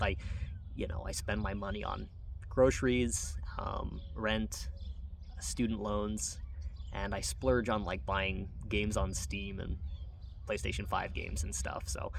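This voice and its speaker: Casting: introspective American male vlogger with a lowish voice, rambling hesitantly, recorded from a distance with audible noise. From Wyoming, United States. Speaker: video channel host. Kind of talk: unscripted reflective monologue to camera. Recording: distant mic, noisy background.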